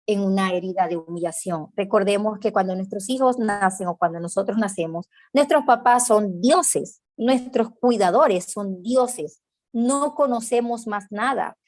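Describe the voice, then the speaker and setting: A woman's voice: a little mellow, no room sound, clean studio sound. A woman teaching an online class on emotional wounds, checking in with her listeners and acting out scolding parents in a raised voice. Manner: acts out scolding parents in a higher voice; reads out viewer comments, checks in with "¿ok?".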